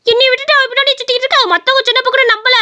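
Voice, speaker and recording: A woman voicing an angry young village woman who scolds her suitor in a sharp, shrill cartoon voice. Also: fairly even intonation, fast talker, muffled recording. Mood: furious. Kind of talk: cartoon voice acting.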